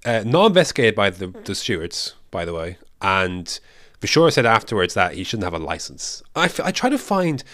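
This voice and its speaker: A young man co-hosts a motorsport podcast, speaking at a moderate pace in a lowish voice on a dry recording. The chat is casual and opinionated, and he's animated, swinging between excitement and dry asides.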